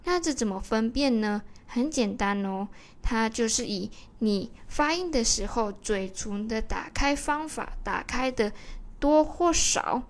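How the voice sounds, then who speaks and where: Chatty woman teaching, bright high voice. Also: lively intonation, a little slow. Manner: friendly, chatty, ends lines with soft particles. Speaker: Spanish pronunciation teacher. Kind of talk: casual online lesson.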